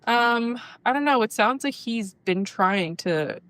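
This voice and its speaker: A woman's voice: on the high side, expressive, slow pace, a bit bright, smooth, no room sound. A woman in her twenties co-hosting a podcast, chatting casually and thinking aloud hesitantly. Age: 20s. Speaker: podcast co-host. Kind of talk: casual chat.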